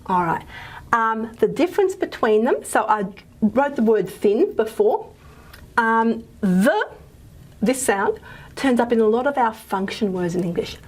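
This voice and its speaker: Speaking a little high and a little slowly, a woman phonetics lecturer delivers a casual recorded lecture on speech sounds. She keeps things conversational, with plenty of ums and "okay?" checks, and voices example consonants as she works at the board.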